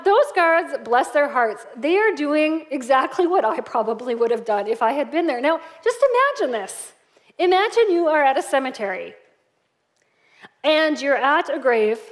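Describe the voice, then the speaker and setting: A middle-aged woman from Canada preaching an Easter sermon, telling stories and moving between soft, quiet passages and animated moments. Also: sits high. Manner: storytelling, dynamic, shifts between soft and animated. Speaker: pastor.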